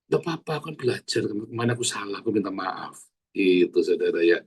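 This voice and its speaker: A male pastor, preaching in an animated, earthy way and calling out to the congregation. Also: fairly low pitch, fast, slightly rough. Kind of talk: sermon.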